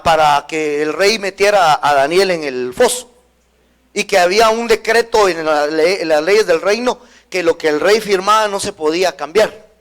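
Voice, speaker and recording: High-voiced male pastor preaching. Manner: emphatic repetition with humorous asides. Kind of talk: sermon.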